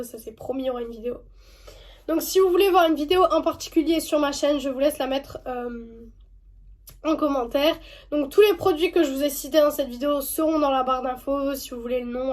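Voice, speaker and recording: A woman's voice: high-pitched, darkish tone. A young French woman chatting casually through a makeup review at home, with many fillers and restarts. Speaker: beauty vlogger.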